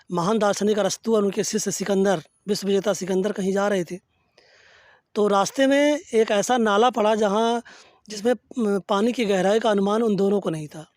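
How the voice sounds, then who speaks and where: A man's voice: sits high, darkish tone. A man delivers a reflective discourse in a dry, echo-free setting. He is earnest and reverent, explaining like a teacher and weaving in verse and anecdotes.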